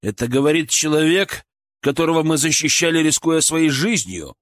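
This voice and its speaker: A man's voice: on the high side, animated, moderate pace, dry recording, clean studio sound, pitched above the performer's own voice, close to an everyday voice. A man reading an audiobook, voicing an indignant husband who reproaches an ungrateful woman. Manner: exasperated, reproachful. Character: indignant middle-aged man, protective husband.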